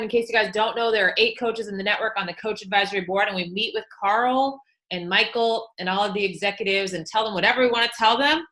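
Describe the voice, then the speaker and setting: A young woman hosting a team call, reading out shout-outs and announcements in an enthusiastic, chatty, cheerleading way with frequent fillers. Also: medium pitch. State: newly pregnant and feeling sick.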